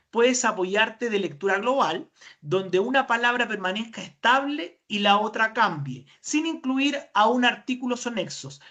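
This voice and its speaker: A woman's voice: medium pitch, a bit bright. Chilean woman lecturing in a webinar. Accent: Chilean Spanish. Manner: explanatory, asks and answers her own questions. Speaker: speech therapist presenter.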